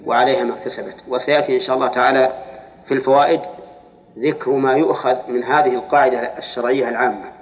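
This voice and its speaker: A man's voice: mid-range voice, flat delivery, fast talker. A man teaching Quranic grammar in a classroom lecture, quizzing his students and drawing out words for emphasis. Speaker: Islamic scholar teaching Quran exegesis. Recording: lo-fi lecture hall recording with long reverb.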